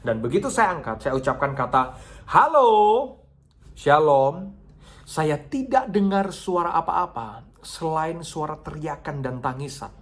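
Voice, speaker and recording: A male pastor preaching a sermon, telling a story with big dramatic swings in pitch and loudness. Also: expressive, normal speed, few pauses.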